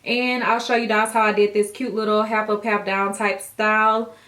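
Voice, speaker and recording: A woman hair vlogger talking viewers through a wig tutorial in a chatty, relaxed way. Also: medium pitch, moderate pace. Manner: chatty, relaxed, addresses viewers as dolls and guys. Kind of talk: casual tutorial talk to camera. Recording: roomy echo.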